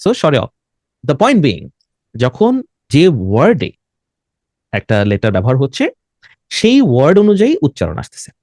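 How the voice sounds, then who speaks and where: Animated Bangladeshi man teaching English. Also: medium pitch, unhurried, pauses often, dry recording, studio quality. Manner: animated, mixes English and Bengali, quizzes students. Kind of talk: classroom lesson.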